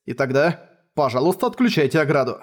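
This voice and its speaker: A man voicing a calm, resolute man who speaks plainly and directly. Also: on the high side, brisk.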